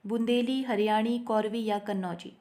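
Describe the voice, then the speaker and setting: A woman's voice: fairly high pitch, normal speed. A woman tutor reading out Hindi literature exam questions, listing the options and then giving and explaining the right answer. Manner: steady question-and-answer recitation.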